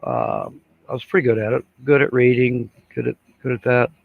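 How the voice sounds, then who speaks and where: The older man's medium-pitched voice is gravelly and sing-song, moving at a brisk clip. On his casual live stream, he rambles, chuckles and leans on fillers as he reads out viewer comments, in dull lo-fi sound.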